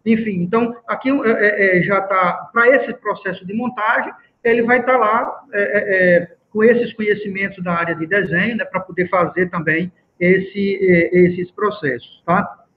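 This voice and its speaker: A man's voice: high-pitched, measured pace. A man giving a seminar presentation on a training course, talking in a hesitant way with many fillers and restarts. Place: seminar room. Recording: tinny phone-like sound.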